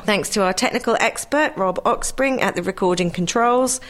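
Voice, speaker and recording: A woman presenting a talking newspaper, reading announcements in a clear, measured way. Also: medium pitch. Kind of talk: read-aloud announcements and joke.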